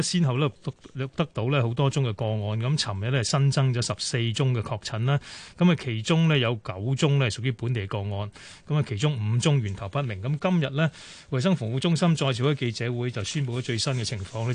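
A man with a Hong Kong Cantonese accent hosting a radio phone-in show, brisk and full of fillers. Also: mid-range voice. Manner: brisk, many fillers and pauses. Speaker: radio talk show host.

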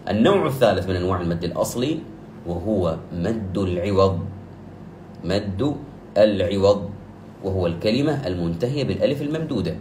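A man teaching the rules of Quran recitation. He explains methodically, repeats key terms, corrects errors firmly, and chants examples with long drawn-out vowels. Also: low-pitched, darkish tone. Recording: echoey room with faint background noise.

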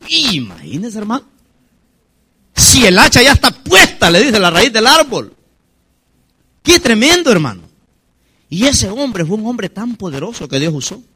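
High, lively, dramatic preacher man. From Mexico. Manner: dramatic, acts out quoted voices and shouts high punch lines. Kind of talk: sermon.

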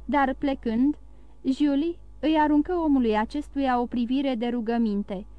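A woman narrating a classic novel in an expressive, measured reading. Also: high-pitched, smooth, no echo, muffled recording. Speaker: audiobook narrator.

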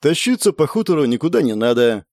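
Male audiobook narrator, relaxed colloquial telling; lively, dry close read. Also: medium pitch, fast talker, no room sound. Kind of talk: first-person audiobook narration.

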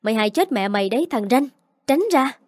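A woman's voice: a little high, lively intonation, fast, no room sound, clean studio sound. A woman doing a spiteful young in-law. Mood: scornful. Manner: scolding, contemptuous.

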